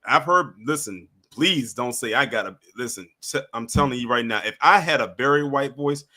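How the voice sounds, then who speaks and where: A livestream host from the US East Coast, speaking at moderate pace in a medium-pitched, sharp-toned voice, reads out viewer comments. He's laid-back and chuckles often, trailing off and starting over as he goes.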